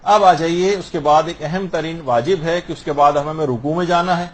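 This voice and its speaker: Pakistani-accented guy teaching prayer rules, asks a question then answers it, voice on the high side. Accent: Pakistani Urdu. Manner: explains through questions and answers. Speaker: religious scholar. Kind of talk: religious lesson on prayer rules.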